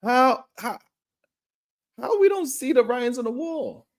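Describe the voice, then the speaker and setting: A man's voice: very high voice, very animated, unhurried. A man hosting a casual livestream, talking loosely and rambling as he greets viewers in the chat and chuckles often.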